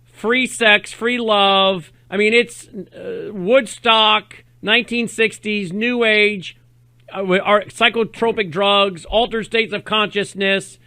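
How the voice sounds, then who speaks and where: A male interview host with a high, forceful, bright voice. He talks in an opinionated, conversational way, pressing with questions and repeating himself for emphasis. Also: steady tone, takes it slowly, dry recording. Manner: insistent, repeats words, prompting with questions.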